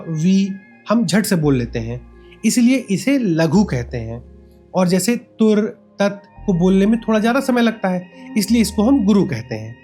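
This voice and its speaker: Warm, mid-range and slightly rough, a history channel narrator reads a scripted educational explainer step by step over faint background music. He asks the listener rhetorical questions and frequently switches between Hindi and English phrases.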